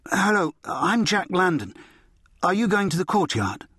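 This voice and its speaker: Male narrator's polite, brave schoolboy: higher, earnest, courteous. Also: sing-song, unhurried, fairly bright tone, husky, dry recording, clean studio sound, exaggerated voice. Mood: friendly.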